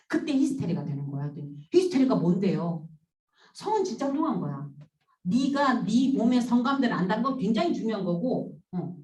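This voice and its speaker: Animated woman lecturer, roomy and distant. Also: on the high side. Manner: animated, acts out quoted voices. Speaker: psychology counselor and lecturer. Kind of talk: storytelling lecture.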